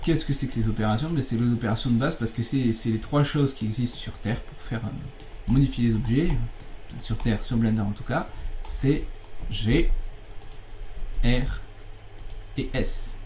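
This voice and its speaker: A man with a mellow, warm voice walks through a software lesson in a screen recording. He talks casually, often restarting and correcting himself. A faint hiss sits under the recording. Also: medium pitch, normal speed, poor audio. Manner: informal, chatty, with fillers and self-corrections. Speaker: software tutorial teacher. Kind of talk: screencast tutorial.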